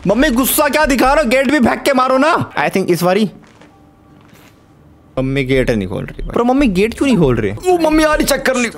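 A man's voice: very high-pitched, wildly swooping pitch, fairly quick, a little hiss or hum. A young man giving playful let's-play commentary, pleading jokingly with the game characters. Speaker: gaming YouTuber.

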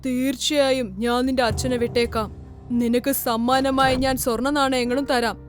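Woman doing a cartoon male ghost, vengeful, low, slow, menacing. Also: flat delivery, faint music behind, lightly acted.

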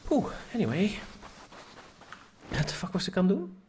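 A man's voice: high-pitched, wildly swooping pitch, normal speed, darkish tone. A man casually commenting on his survival game, swearing and coaxing an in-game pig in a playful sing-song voice. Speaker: gamer streaming a survival game. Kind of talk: casual let's-play commentary. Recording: noisy home setup.

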